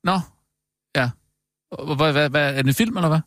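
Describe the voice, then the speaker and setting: A man playing an easygoing, somewhat slow assistant who answers hesitantly and puzzled in a radio sketch. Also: fairly high pitch, a bit bright, no echo, studio quality, natural voice.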